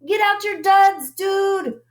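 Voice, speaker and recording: A woman voicing a small excitable puppy boy who talks in surfer-style slang, in a squeaky, bouncy voice. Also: takes it slowly, echoey room, exaggerated voice. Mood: excited.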